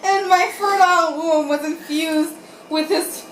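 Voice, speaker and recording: A woman with a very high, fairly bright voice reads a little slowly, her intonation fairly even. She's tipsy on wine and hosting a comic group reading, giving erotic fiction a giggly, irreverent dramatic treatment with joking asides. The recording is roomy, distant-miked, and faintly noisy.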